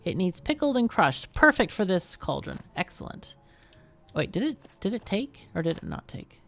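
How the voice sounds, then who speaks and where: Speaking at a moderate pace in a creaky, mid-range voice, this female game streamer hosts a relaxed livestream. She exclaims often and mutters to herself while playing, chatting and commenting on the action.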